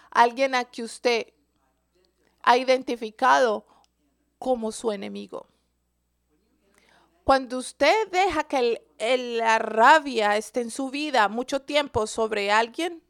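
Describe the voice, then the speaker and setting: High, gravelly-voiced woman preacher. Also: fairly bright tone. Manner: asks the listeners questions. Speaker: Bible teacher. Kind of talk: sermon.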